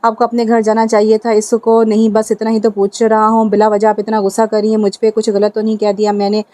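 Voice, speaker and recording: Even-toned woman reading a novel aloud. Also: mid-range voice, brisk, dry recording. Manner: reads all parts herself in an even tone. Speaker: novel narrator. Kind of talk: dramatic audiobook narration with voiced dialogue.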